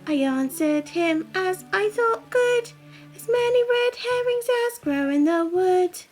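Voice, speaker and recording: A woman's voice: very high-pitched, animated, slow, over music, pitched above the performer's own voice, full character voice. A woman voicing an impertinent young male squirrel from a storybook, chanting riddles in a teasing sing-song. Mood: playful, teasing.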